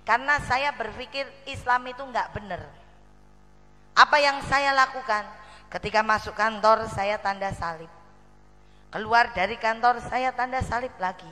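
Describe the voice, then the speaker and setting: Bright-voiced Javanese woman preaching in a hall. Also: fairly high pitch, moderate pace, faint music behind. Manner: lively storyteller, acts out quoted friends, mixes in Javanese. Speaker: preacher telling her conversion story. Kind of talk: storytelling sermon to a female audience.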